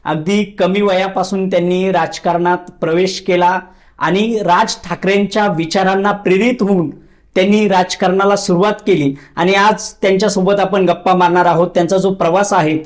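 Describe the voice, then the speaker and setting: A man hosts an interview for a news channel. He asks probing, leading questions, often restating what the guest has just said. His voice sits high for a man.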